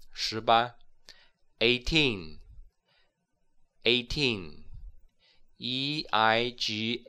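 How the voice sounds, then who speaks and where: A man's voice: lowish voice, sharp tone, clear, resonant tone. A man giving a recorded English lesson, explaining patiently and spelling words out letter by letter. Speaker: English teacher.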